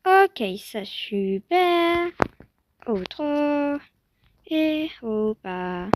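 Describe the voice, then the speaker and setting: A young woman with a high, light voice talks to her virtual horse while she plays. She coaxes it with gentle, soothing words and calls out sharply when it gets away. A faint hiss of noise sits under the recording. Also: animated, drawn-out words. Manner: soothing horse-talk, swinging to panicked shouting. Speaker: Roblox horse-riding roleplay streamer. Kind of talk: casual gameplay commentary talking to her virtual horse.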